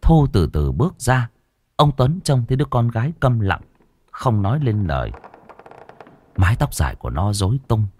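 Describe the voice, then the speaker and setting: Dramatic horror narrator. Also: male voice, on the low side, very animated, a little mellow, breathy edge. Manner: slow, dramatic, suspenseful. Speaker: storyteller.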